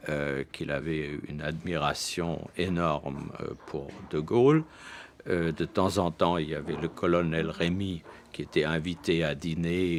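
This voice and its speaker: A man recalling someone he knew in a documentary interview, hesitant and full of pauses. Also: extremely low pitch, a little hiss or hum. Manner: hesitant, many fillers.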